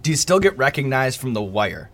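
A man at a middling pitch hosts an interview. He reads out his prepared questions in a measured, deliberate manner and keeps the talk moving. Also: big pitch swings, fairly bright tone. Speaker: interview host.

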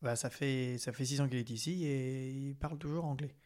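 A man's voice: mid-range voice, steady tone, normal speed, a little mellow. A young man from France, a guest on a podcast, talking casually and hesitantly with many fillers and restarts.

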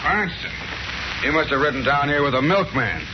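Impatient, blustering police commissioner played by a male actor, higher-pitched, vintage radio drama, dull recording. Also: expressive, moderate pace, natural voice. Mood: irritable. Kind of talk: 1940s radio drama acting. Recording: muffled, noisy old radio recording.

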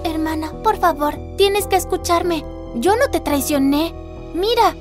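Woman voicing a high pleading teen sister. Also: unhurried, over music. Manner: pleading and defensive. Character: pleading teenage sister girl.

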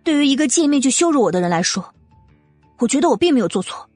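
A man voicing an indignant, proud young wife in an audiobook, firing off rapid, heated retorts. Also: very high-pitched, very animated, darkish tone, dry recording, pitched above the performer's own voice. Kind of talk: audiobook character voice. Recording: dry close mic with faint music.

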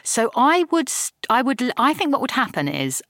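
A woman, an audiobook narrator, chatting as a guest and telling stories with lively laughter. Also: high-pitched, normal speed, dry recording, clean studio sound. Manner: expressive storyteller, animated with laughs. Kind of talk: conversational interview.

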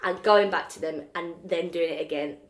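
A woman's voice: on the low side, normal speed. A young woman co-hosting a podcast, telling stories with lots of swearing and acted-out quotes. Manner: animated storyteller, acts out quotes, swears freely. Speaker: podcast co-host. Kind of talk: casual chat. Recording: roomy echo.

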